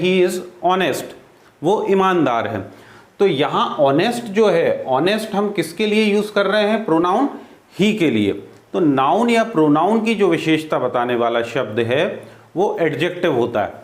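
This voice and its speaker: Man, teacher, slow deliberate explaining, echoey room. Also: on the high side. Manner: slow and deliberate, repeating examples and asking questions. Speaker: English teacher. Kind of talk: classroom grammar explanation.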